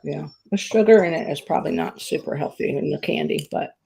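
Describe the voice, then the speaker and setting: A woman hosting a relaxed kitchen chat stream, chatty and laughing often, talking to her viewers. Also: deep voice, a little fast, vocal fry, a little hiss or hum. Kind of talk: casual chat.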